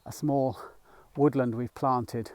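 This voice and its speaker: A middle-aged man talking gently while walking outdoors, a little out of breath, rambling with fillers as he guides a mindfulness practice. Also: mid-range voice, steady tone, slow pace, no room sound. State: slightly out of breath. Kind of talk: casual walking vlog. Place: outdoors in a field by a small woodland.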